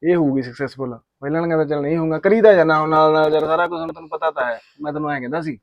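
Man doing a young Punjabi villager, Punjabi accent, hot-headed, fast-talking. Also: on the high side, dry recording, muffled recording, close to an everyday voice. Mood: scheming. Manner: heated, rapid, indignant ranting. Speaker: young heir of a farming family. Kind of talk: village drama acting.

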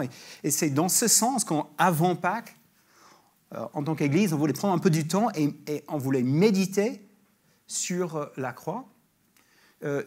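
A man giving a sermon as a guest preacher in church, talking in a conversational way with frequent restarts, and reading scripture slowly and emphatically. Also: fairly high pitch, a little mellow, breathy edge. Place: church sanctuary.

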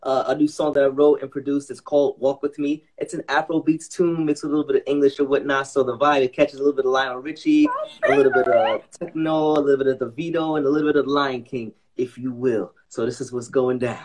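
A man's voice: medium pitch, fairly even intonation, quick pace, noisy background. Chatty man introducing his song. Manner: hyped, chatty, addresses viewers as y'all. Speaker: singer. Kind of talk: live-streamed song performance over a backing track. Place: living room at home. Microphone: handheld mic on a video call. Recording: backing music loud behind the voice.

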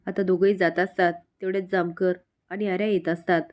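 A woman narrating a recap of a TV serial in a steady storytelling manner, voicing every character herself. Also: on the low side, a little fast.

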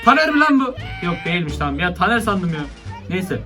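Young man, reaction commentary, laughing and exclaiming, bright tone, faint music behind. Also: high-pitched, big pitch swings, a little fast. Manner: laughing, exclaiming, chatty slang. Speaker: YouTuber reacting to funny clips.

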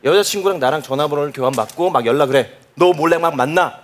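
A man's voice: on the high side, quick pace. A man doing stage comedy in a mock debate, scolding and exclaiming in indignation. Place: comedy stage before a live audience.

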